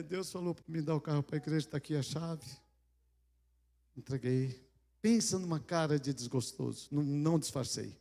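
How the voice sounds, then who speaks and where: A man's voice: on the high side, gravelly, warm tone. A middle-aged Brazilian man preaching a storytelling sermon, acting out dialogues with God and making joking asides. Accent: Brazilian Portuguese. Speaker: pastor. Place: large church hall. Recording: long hall reverb.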